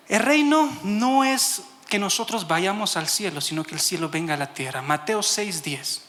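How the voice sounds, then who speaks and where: A man preaching a sermon, animated and full of rhetorical questions to the congregation, laughing as he tells stories. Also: high-pitched, slow, long pauses. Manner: laughs while telling stories.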